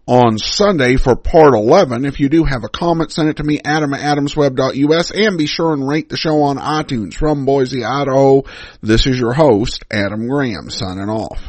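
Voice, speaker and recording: A man's voice: medium pitch, moderate pace, darkish tone, dry recording. An American man giving casual commentary as a podcast host. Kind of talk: casual commentary on old radio serials.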